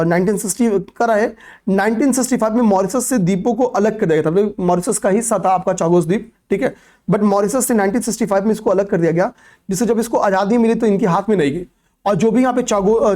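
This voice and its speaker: A man's voice: sits high, fast, dark tone. Hindi-speaking male coaching teacher lecturing. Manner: repetitive, checks in with "okay, pay attention"; asks and answers own questions. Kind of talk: classroom lecture on current affairs.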